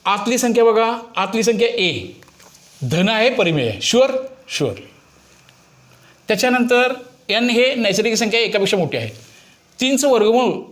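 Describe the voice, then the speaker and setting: A man teaches a maths lesson. He explains to children step by step, often stopping to ask them a question and prompt an answer. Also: sits high.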